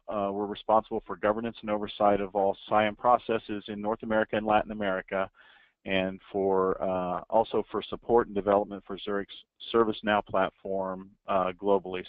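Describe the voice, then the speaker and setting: A man's voice: fairly low pitch, dry recording. A man, a guest on a webinar, explaining his team's responsibilities in a plain, businesslike way. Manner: plain, businesslike, some restarts. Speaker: IT service management head, guest. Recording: dry tinny phone line.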